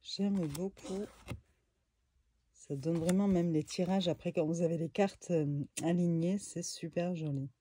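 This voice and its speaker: Chatting casually from home, a woman walks her viewers through a tarot deck, dropping in lots of fillers and side remarks. She speaks at a measured pace with fairly low pitch, over a slight hiss or hum.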